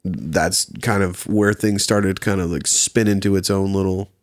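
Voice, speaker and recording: Speaking in a low voice at normal speed with fairly even intonation, a thirty-something podcast guest from Virginia, USA chats in a laid-back way. He laughs often and swears freely, and the recording is clean studio sound without room ambience.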